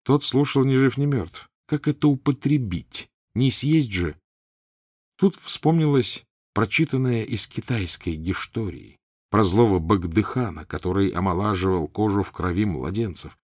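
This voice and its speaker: A man narrating an audiobook in an expressive storytelling manner. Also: lowish voice, measured pace, husky, no echo, clean studio sound.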